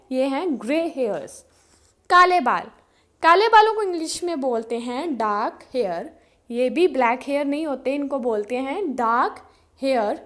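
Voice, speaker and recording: A woman teaching a vocabulary lesson, saying each word slowly and repeating it. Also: high-pitched. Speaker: English teacher.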